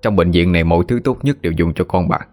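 A man's voice: sits low, quick pace, a little mellow, faint music behind, close to an everyday voice. A male narrator voicing a composed hospital doctor, formal and regretful.

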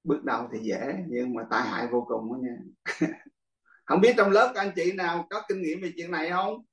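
A man's voice: a little high, moderate pace, fairly bright tone. An older man, a monk, teaching a class in casual, chatty talk, often laughing and speaking straight to his students. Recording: echoey room, far from the mic.

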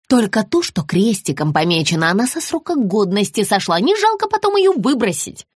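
A woman voicing a brisk, practical female assistant correcting others in an audiobook reading. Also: medium pitch, sing-song, slightly rough, no room sound, studio quality.

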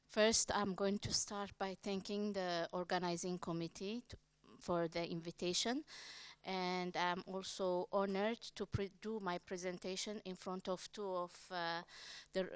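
A woman's voice: fairly low pitch, clean tone, no room sound. A middle-aged woman from Ethiopia giving an academic conference presentation, hesitant, with many fillers and restarts. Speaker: conference speaker, independent researcher.

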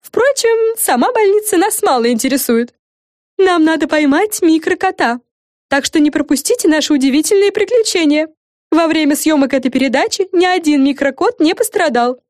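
Woman doing a squeaky vain fairy girl. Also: animated, moderate pace, darkish tone, no room sound, clean studio sound. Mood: showy. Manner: bossy, self-important. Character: bossy vain young fairy girl, showoff.

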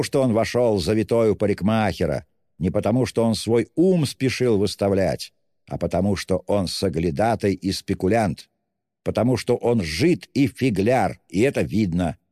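Drunk, effusive young man voiced by a male reader, raised, shouting storybook voice, long reverb. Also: on the low side, studio quality. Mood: flustered. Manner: shouting, effusive, self-abasing. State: tipsy. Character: drunk, excitable young man, loud and gushing.

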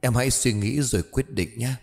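A male narrator voicing a gentle, mysterious young man who speaks softly and tenderly. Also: fairly low pitch, expressive, moderate pace, big-room sound, soft background music, lightly acted. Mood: calm. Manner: soft, hushed and tender.

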